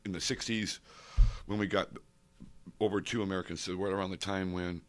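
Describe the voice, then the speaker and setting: Speaking fairly fast in a low voice with little pitch movement, a comic collector in his sixties wanders away from the questions in a rambling oral-history interview. He grew up abroad, in Saudi Arabia, Africa and India. The setting is an indoor studio with a painted backdrop, and a stand mic sits close in front of him.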